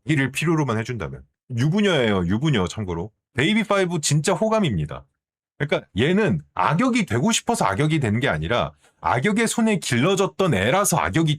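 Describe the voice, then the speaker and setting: A man streaming, chatting casually in an animated way and often asking his viewers questions. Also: fairly high pitch. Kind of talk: casual commentary.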